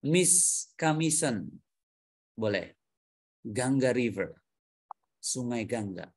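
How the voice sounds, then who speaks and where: Speaking slowly and expressively at a medium pitch, a man runs a grammar class for adult English learners via video call. He prompts them for answers, repeats their responses, and blends English words into his explanations.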